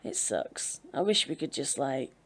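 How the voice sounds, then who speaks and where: Chatty British woman with a gravelly voice. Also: extremely low pitch, sing-song, a little slow. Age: 20s. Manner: rambling, chatty, self-deprecating, laughs often. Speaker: Sims speed-build YouTuber. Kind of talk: casual chat over gameplay.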